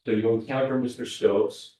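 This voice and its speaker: A man questioning a witness in court, asking halting questions with frequent restarts, heard as a courtroom recording. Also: mid-range voice, fairly even intonation, mellow. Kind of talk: courtroom examination. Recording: very echoey courtroom audio from far off.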